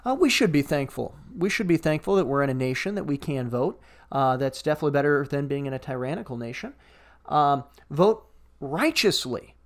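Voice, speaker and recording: A man's voice: mid-range voice, lively intonation, fast, hardly any pauses. A man co-hosting a casual podcast discussion who reads passages aloud and comments on them wryly. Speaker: podcast co-host.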